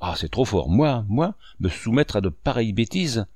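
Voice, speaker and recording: A man's voice: fairly low pitch, big pitch swings, moderate pace, a little mellow, no echo, studio quality. A man reading the part of a poor, proud village schoolmaster, heated and bitter. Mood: indignant.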